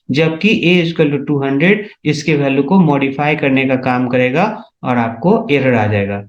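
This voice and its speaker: Man teaching coding in an echoey room. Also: on the high side. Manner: explains step by step, often checks if students follow. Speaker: programming teacher. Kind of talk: screen-recorded coding tutorial. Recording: echoey, dull lo-fi room sound.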